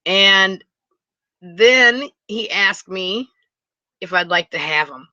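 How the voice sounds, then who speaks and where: A woman from Wisconsin talks to her viewers from inside her motor home in a bright, forward voice. She rambles, restarts her sentences and gets excited easily. The sound is dry and dull, like a lo-fi computer mic on a live stream. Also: medium pitch, takes it slowly, no echo. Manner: chatty and rambling, with many restarts. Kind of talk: casual live chat with viewers. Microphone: computer mic for a video hangout.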